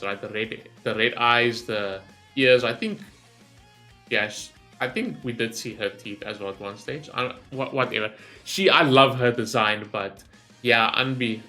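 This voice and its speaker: A man hosting a gaming reaction video talks off the cuff in a rambling way, thinking aloud and often checking himself by tagging sentences with "right?". His voice is medium-pitched, bright, and forceful.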